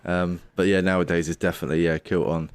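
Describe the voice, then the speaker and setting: A man with a very low voice chats casually as a podcast guest. He speaks briskly, and the sound is close and dry. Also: level tone, clear, resonant tone, no echo. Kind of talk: casual chat.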